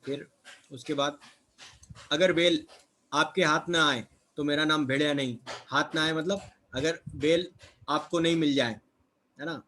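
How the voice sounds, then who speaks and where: A man's voice: a little high, fairly even intonation, unhurried, pauses often, pushed and bright, slight background noise. A man teaching a children's textbook lesson, asking questions and then answering them himself, checking in with little tag phrases. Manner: asks questions then answers them, repeats words with "है ना" and "ठीक है".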